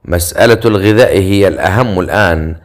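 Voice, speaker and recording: A self-assured male hero in an audiobook fantasy tale, dry and sarcastic in every exchange, as a male narrator voices him. His voice is low and composed. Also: brisk, lightly acted. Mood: wry. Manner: sarcastic, dryly teasing.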